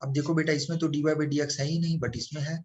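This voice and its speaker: Brief: male maths teacher, somewhat high voice, coaxing, asks and answers his own questions. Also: little pitch movement, brisk, dull audio. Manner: asks students questions and answers them himself; calls the listener "beta", coaxing. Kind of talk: blackboard maths lesson.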